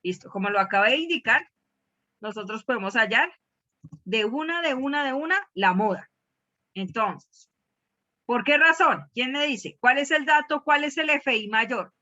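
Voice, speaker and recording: A woman leads a math class, firing questions at her students and repeating key terms again and again. Her voice sits fairly high and sounds bright and forceful. The recording is dull and lo-fi. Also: lively intonation, moderate pace. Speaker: math teacher. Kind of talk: classroom teaching.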